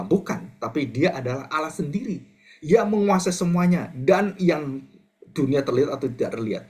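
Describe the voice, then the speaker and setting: A male pastor giving an animated sermon, acting out quoted voices and addressing the congregation directly. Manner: animated, acts out quoted voices with big pitch jumps; addresses the congregation as brothers and sisters.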